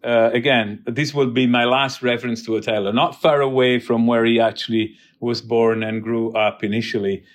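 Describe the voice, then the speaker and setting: A man from near Naples with an Italian accent, a biotech CEO talking casually as an interview guest, pausing often with fillers. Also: medium pitch, steady tone. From southern Italy, near Naples. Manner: thoughtful, many restarts and filler "uh".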